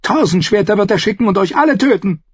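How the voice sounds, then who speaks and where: A man's voice: high-pitched, lively intonation, fast, breathy edge, dry recording, pitched above the performer's own voice. A man voicing a frightened captive young lord who pleads with a cracking voice, in an audiobook reading. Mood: shaky defiance. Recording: dull lo-fi recording.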